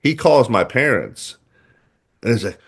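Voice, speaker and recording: A man co-hosting a sports podcast, telling stories in a chatty, animated way with many fillers. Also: mid-range voice, a little slow, husky. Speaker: podcast co-host. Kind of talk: casual sports chat.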